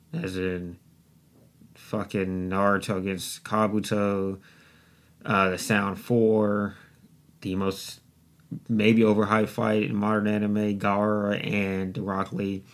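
He's a young man running his own podcast, going solo in a casual monologue captured on a desktop USB microphone. The voice is fairly low, flat and slow, and his rambling is loose, profane and self-deprecating.

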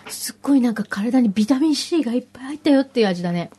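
Studio co-host, woman, high bouncy voice with a mellow tone, chatty and quick to laugh, casual tasting chat. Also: expressive. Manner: enthusiastic, chatty, laughs often. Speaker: podcast co-host.

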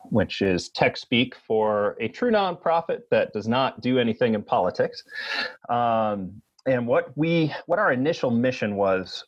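A man's voice: mid-range voice, no echo. A man speaking as an interview guest over a remote internet call, explaining things conversationally. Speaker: podcast guest, nonprofit executive. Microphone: remote video call. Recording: dull lo-fi internet call, dry.

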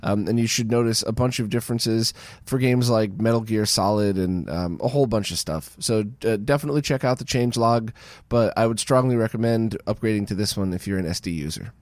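A man with a hoarse, worn-out voice hosting a casual news roundup podcast. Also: fairly low pitch, a little fast, a little mellow, dry recording. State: hoarse, voice strained from screaming at a concert. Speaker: podcast host.

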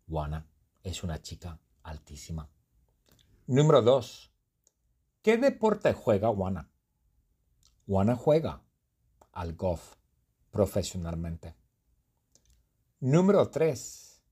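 Guy teaching spanish w a silly repeated story, low husky voice, really slow. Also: dark tone. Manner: slow, repetitive, playful storytelling with exaggerated exclamations. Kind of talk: comprehensible-input storytelling lesson.

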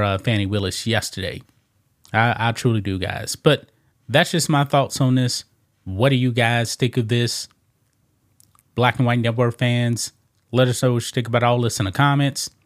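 A man hosting an online commentary show, talking casually and emphatically, often tossing in "man" and repeating his points. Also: medium pitch. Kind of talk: opinionated political commentary.

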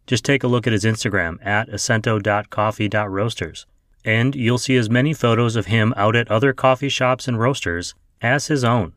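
A man's voice: on the low side, normal speed, fairly bright tone, dry recording, studio quality. A man hosting a podcast, introducing his guest and asking friendly, upbeat questions. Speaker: podcast host.

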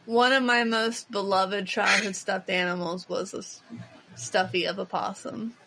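A woman co-hosting a podcast in casual chat, animated and teasing, laughing and swearing often. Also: medium pitch, a little slow, background noise. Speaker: podcast co-host.

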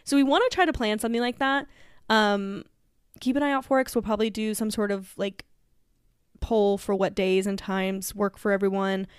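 Woman podcast co-host, chatty, smooth clear voice, dry close sound. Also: mid-range voice, steady tone, moderate pace, dry recording. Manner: chatty, lots of fillers and laughs. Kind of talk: casual chat.

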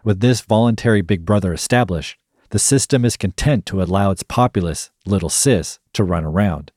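A man hosting a podcast, narrating a scripted analysis in a measured, explanatory way. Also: low-pitched, darkish tone, no room sound, studio quality. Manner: measured, explanatory, reads quotes aloud. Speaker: podcast host.

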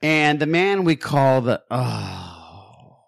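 A man's voice: medium pitch, sing-song, drawn-out words, vocal fry, no room sound, clean studio sound. A man hosting a podcast in casual, jokey chat, informally repeating phrases for emphasis. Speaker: podcast host.

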